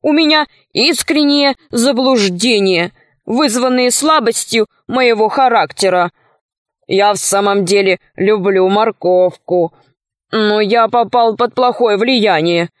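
A woman's voice: mid-range voice, slow, no echo, clean studio sound, lightly acted. A woman voicing a sly, cowardly male wolf who whines and wheedles out of trouble in a storybook reading. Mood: wheedling. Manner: pleading, self-pitying, wheedling.

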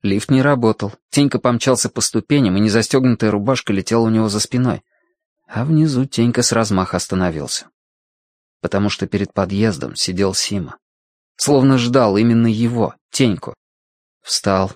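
A man narrating a story aloud in a steady, quiet storytelling manner. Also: fairly low pitch, normal speed, no room sound, clean studio sound. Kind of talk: audiobook narration.

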